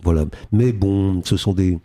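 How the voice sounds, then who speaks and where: A man's voice: low voice, unhurried, mellow. An older man, an actor being interviewed on radio, talking animatedly and slipping into character voices now and then. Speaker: guest actor.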